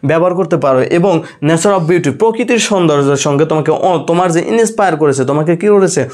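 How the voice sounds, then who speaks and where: A man with a slightly high voice gives a lesson on a poem. He keeps asking his listeners a question and answering it himself. English literary terms run through his talk. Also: expressive, a little fast, darkish tone. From Bangladesh. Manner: asks questions then answers them himself. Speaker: teacher. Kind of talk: lecture on a poem.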